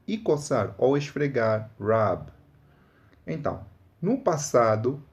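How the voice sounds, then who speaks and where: A man gives an English lesson at an unhurried, deliberate pace. His voice carries a gravelly fry, and he repeats each word carefully for drilling. The sound is dull and a little lo-fi. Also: mid-range voice, a little mellow. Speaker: English teacher. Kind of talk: online language lesson.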